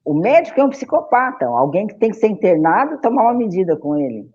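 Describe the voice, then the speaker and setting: A woman with a dark, mellow voice argues her point in blunt, firm statements during a talk show discussion. The sound is dull and muffled, like a lo-fi recording. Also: mid-range voice, very animated, fast, breathy edge. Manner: forceful, firm declarative statements.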